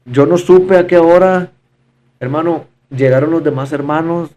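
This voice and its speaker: A man's voice: fairly high pitch, fairly even intonation, moderate pace, warm tone. A man giving a fervent, repetitive personal testimony in conversation, often calling his listener brother. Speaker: podcast guest giving testimony.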